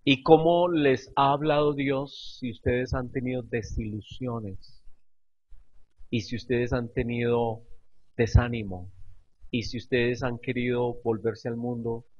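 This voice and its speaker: A man preaches a sermon, telling his stories expressively and repeating his phrases for emphasis. His voice sits at a middle pitch. The recording is slightly muffled. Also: flat delivery, takes it slowly, a little mellow, husky. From Colombia. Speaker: pastor.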